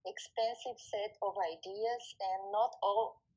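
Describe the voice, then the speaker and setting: Slow, hesitant woman guest. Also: medium pitch, fairly even intonation, warm tone, rough recording. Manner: slow and hesitant, many fillers and restarts. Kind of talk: conversational interview.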